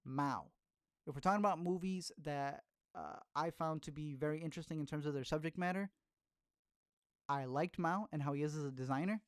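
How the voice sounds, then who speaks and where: Chatty man reviewing films, raised pitch. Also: fairly quick, no room sound, clean studio sound. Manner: chatty, rambling, with frequent fillers and restarts. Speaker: film review podcast host. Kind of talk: casual film review chat.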